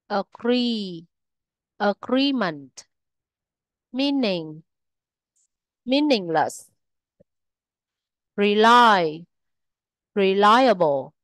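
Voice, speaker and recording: A woman's voice: medium pitch, no echo. A woman with a Vietnamese accent reading out a pronunciation lesson, stating rules and then saying example words one by one. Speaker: English teacher.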